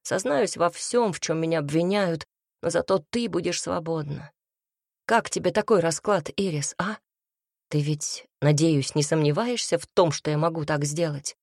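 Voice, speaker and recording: A woman's voice: sits low, normal speed, creaky, a little mellow, no echo, clean studio sound. A woman reading the part of a fiery, defiant young man in a storybook, speaking with vehemence and bitterness. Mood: fierce defiance. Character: young man, hot-tempered, defiant, devoted lover.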